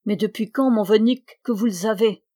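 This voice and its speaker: A woman reading the part of a young peasant girl who keeps geese, chatty and proud, speaking in a lively, folksy country way. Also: mid-range voice, a little fast, close to an everyday voice. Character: peasant girl goose-keeper, chatty, proud, quick-tempered.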